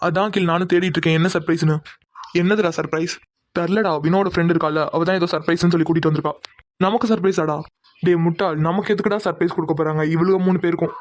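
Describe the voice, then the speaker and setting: A man voices a crowd of young cartoon men, a man doing quick and heated talkers. His voice sits a little high and races along. The recording is close and dry. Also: steady tone, dry recording. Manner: quick, heated, bickering delivery. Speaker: voice actor for several male cartoon characters. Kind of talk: Tamil cartoon drama voicing.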